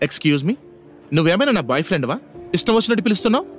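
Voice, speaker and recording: A man voicing a proud, sharp-tongued young college woman in an audio story, scolding and scornful. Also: a little high, fast, faint music behind, natural voice. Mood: annoyed.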